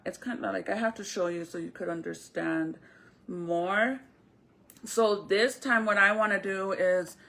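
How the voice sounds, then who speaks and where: Woman, bright forward voice, medium pitch, speaking through a retainer, informal live-stream crafter, conversational explaining. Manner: speaking with a retainer in her mouth; informal, conversational, addresses viewers directly.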